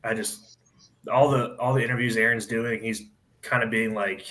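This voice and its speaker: A man on a casual sports radio panel, giving his opinions in a hesitant, measured way. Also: medium pitch, steady tone, bright, forceful tone, poor audio.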